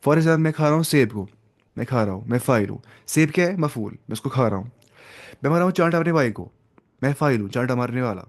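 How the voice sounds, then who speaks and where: A man's voice: mid-range voice, lively intonation, fast. A young man teaching an Arabic grammar class to students, explaining each step, asking questions and mixing in English terms.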